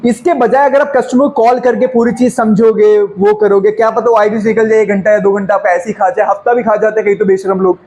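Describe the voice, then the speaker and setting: A man, teaching a sales lesson in an energetic, fast, conversational way and slipping English phrases into his talk. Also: sits high, poor audio. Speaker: sales coach. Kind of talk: sales training lecture.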